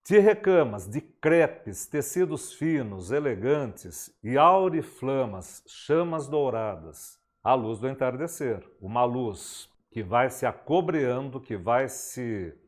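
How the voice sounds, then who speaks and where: A man with a Brazilian Portuguese accent giving a literature lecture, emphatic and declamatory, with rhetorical questions and slow, dramatic readings of verse. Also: mid-range voice, very animated. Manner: reads poem lines slowly and dramatically. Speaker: literature teacher. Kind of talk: exam-prep literature lecture.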